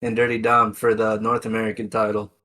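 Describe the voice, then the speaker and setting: A man's voice: fairly low pitch, monotone, fairly quick, sharp tone. A man co-hosting a podcast, chatting in a laid-back, offhand way. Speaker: podcast co-host. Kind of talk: casual chat.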